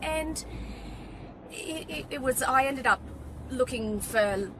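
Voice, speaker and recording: A woman's voice: high-pitched, takes it slowly. Chatty woman in her forties, road noise. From Wales, raised in Western Australia. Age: 40s. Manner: chatty, with many ums and restarts. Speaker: guest, fitness business owner. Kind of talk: casual interview chat. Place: inside a car. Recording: car interior with road noise. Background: vehicle noise.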